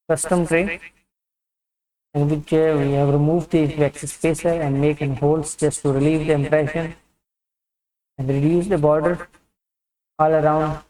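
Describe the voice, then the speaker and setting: A man's voice: fairly high pitch, darkish tone. A man narrating a dental lesson, methodically explaining each step of a procedure. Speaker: dental instructor. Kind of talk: instructional demonstration narration. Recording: roomy and distant from the mic.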